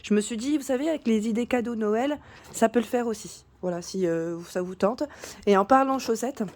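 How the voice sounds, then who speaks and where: A woman vlogger chatting casually through a shopping haul, full of fillers and restarts, her voice cracking and hoarse at times. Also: on the high side, moderate pace, a little mellow, a little hiss or hum. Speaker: YouTube vlogger.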